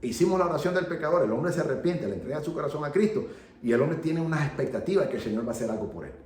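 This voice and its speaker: A man preaching as an evangelist, telling a testimony in animated storytelling style and laughing at himself as he goes. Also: on the high side, rapid-fire, echoey room, slight background noise. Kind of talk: sermon testimony teaching.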